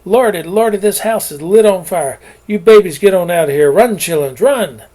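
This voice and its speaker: A man's voice: high-pitched, lively intonation, normal speed, mellow, pitched above the performer's own voice. A man doing a frantic housekeeper. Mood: panicked. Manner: hollering, alarmed. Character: frantic older woman household helper.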